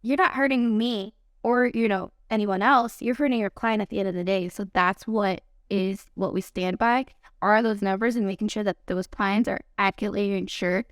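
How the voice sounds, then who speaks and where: A woman's voice: medium pitch, steady tone, moderate pace, hardly any pauses, dry recording, studio quality. A woman guest, an insurance agent, explaining her work in a direct, persuasive way on a casual talk show. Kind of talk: casual chat.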